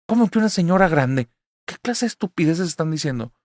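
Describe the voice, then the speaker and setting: A man doing a shrill, furious mother. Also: expressive, a little fast, darkish tone, no echo, studio quality. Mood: scolding. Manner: shrill, accusing outbursts. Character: angry scolding middle-aged mother.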